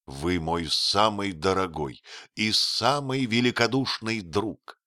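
A man's voice: lowish voice, slow pace, sharp tone, no echo, clean studio sound. A man voicing a young prince who pleads with passion. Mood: tender. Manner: impassioned, imploring.

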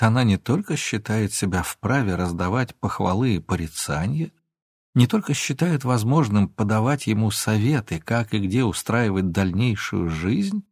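A man narrating a story in an audiobook with measured, even storytelling. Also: fairly low pitch, husky, no room sound, clean studio sound. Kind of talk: scripted narration.

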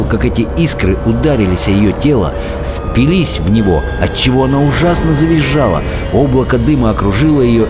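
A man narrating a storybook in an expressive, dramatic way. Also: mid-range voice. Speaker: audiobook reader.

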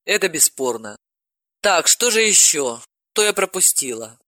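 A woman's voice: low voice, sing-song, a little slow, sharp tone, no room sound, heavily acted. A woman voicing a wry, resilient heroine who speaks matter-of-factly with dry humor in an audiobook.

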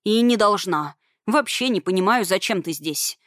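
A woman's voice: medium pitch, expressive, normal speed, a bit bright, dry recording, natural voice. A woman voicing a weary, sardonic male professor who speaks in a dry, tired, commanding way, read as an audiobook character.

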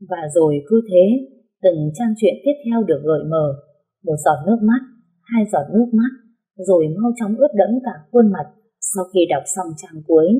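A woman narrates a first-person novel, steady and soft. Her voice is low, very mellow and husky. It is a calm audiobook read. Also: rough recording.

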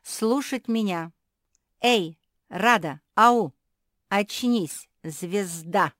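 A woman's voice: sits low, lively intonation, slow, dry recording, studio quality. A woman voicing a bossy, cruel self-made female queen who barks orders in a children's storybook reading. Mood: imperious. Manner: commanding, shouting orders.

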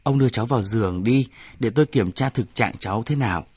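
Guy doing a calm army medic, firm, dry audio. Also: mid-range voice, moderate pace, dry recording, close to an everyday voice. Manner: firm, gently joking.

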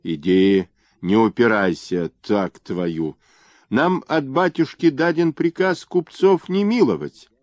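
A man voicing a coarse, brutal peasant executioner who speaks roughly and gruffly. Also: medium pitch, slow pace, a little mellow, dry recording, natural voice.

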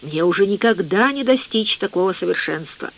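A narrator voicing a quietly proud, fussy male undertaker in an audiobook reading, on a dull lo-fi recording. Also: mid-range voice, animated, moderate pace, gravelly.

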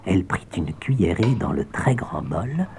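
A man narrating a children's audiobook with expressive storytelling and soft asides. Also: deep voice, measured pace, vocal fry, slight background noise.

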